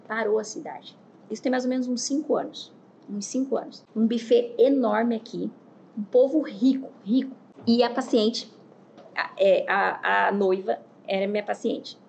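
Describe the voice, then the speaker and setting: Woman, therapist, motivational storytelling, animated, repetitive, gravelly, slight hiss behind. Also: medium pitch. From Mato Grosso, Brazil. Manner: animated and repetitive, with vivid retelling. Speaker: therapist and speaker.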